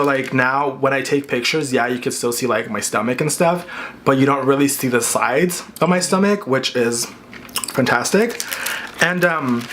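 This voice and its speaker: A man's voice: mid-range voice, fairly bright tone. Man chatting candidly while chewing, noisy background. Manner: chewing and talking with his mouth full; candid, casual, peppered with "like". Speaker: vlogger hosting an eating video. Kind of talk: casual chatty mukbang vlog. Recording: clear background noise, dish clinks and clicks.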